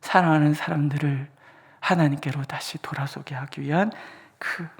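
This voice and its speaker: Pastor swinging from loud to whispered. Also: mid-range voice, steady tone, normal speed, creaky, slightly rough. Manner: swings between loud emphatic lines and soft whispered asides; acts out quoted voices. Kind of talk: dawn prayer sermon.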